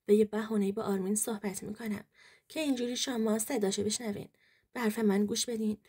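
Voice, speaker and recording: A calm, persuasive male lawyer who gives steady, reassuring advice, as a woman storyteller voices him. The tone is mellow and a little husky. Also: medium pitch, lightly acted.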